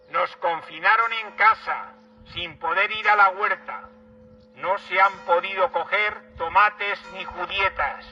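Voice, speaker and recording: A man declaims a rhyming festival proclamation as a town crier, in measured verse. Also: sits high, gravelly. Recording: muffled, distant mic.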